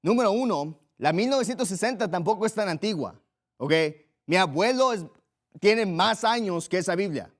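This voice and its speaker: A man's voice: sits high, animated, moderate pace. A young adult man preaching a sermon as pastor, emphatic, repeating phrases and reading scripture aloud.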